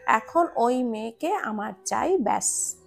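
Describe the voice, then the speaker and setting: A man's voice: very high voice, lively intonation, takes it slowly, gravelly, full character voice. A woman voicing an angry, scornful young man in a romance story.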